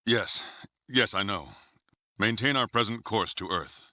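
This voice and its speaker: A stern military commodore with a very low, forceful voice. He speaks formally and gravely, in measured phrases fit for a sci-fi game. The sound is close and dry. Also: dry recording. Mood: commanding. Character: stern, grave male starship commodore, middle-aged or older. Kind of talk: dramatic video game voice acting.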